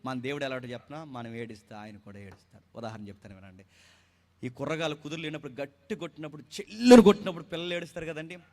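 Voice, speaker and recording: A man with a Telugu accent preaching a sermon, swinging between loud exhortation and hushed asides. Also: medium pitch, fast talker.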